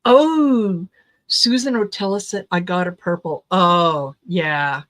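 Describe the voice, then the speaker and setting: Middle-aged lady tarot streamer, originally from croatia, slow and a bit low, lots of ums, chatting with her viewers. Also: a bit bright. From Croatia, raised in Canada. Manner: chatty, hesitant with frequent ums and restarts, laughs easily. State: recovering from low blood sugar, tired. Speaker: tarot reader and livestream host. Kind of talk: casual livestream chat with viewers.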